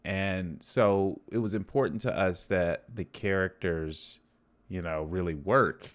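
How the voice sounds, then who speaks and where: A man's voice: sits low, slow pace. A man, a filmmaker and studio co-founder, explains his projects at length in casual livestream chat, eager and upbeat.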